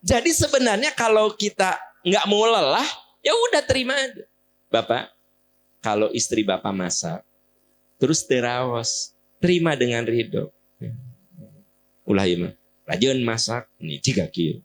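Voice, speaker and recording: A man's voice: medium pitch, expressive, unhurried, long pauses, a little hiss or hum. A middle-aged male preacher with a Sundanese accent, giving a folksy sermon that acts out little household scenes.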